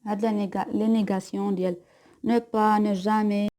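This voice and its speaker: Moroccan woman teacher, mellow, dark voice, slow repeated examples, quick explanations. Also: medium pitch, flat delivery. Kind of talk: grammar lesson mixing Moroccan Arabic and French.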